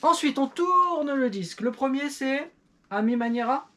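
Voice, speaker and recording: In a high-pitched, animated voice that sounds pushed and bright, a middle-aged woman speaks at a measured pace. As a YouTuber and parent, she casually reviews an old record with her child, playfully teasing herself and using lots of fillers.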